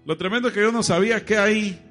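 Male preacher, animated storytelling sermon, slightly high voice, soft music underneath. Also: quick pace. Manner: addresses congregation directly, animated storytelling. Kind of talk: evangelical sermon with anecdotes.

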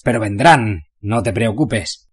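A man voicing a cocky, flattering male prisoner with an eager, husky voice. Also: lowish voice, takes it slowly.

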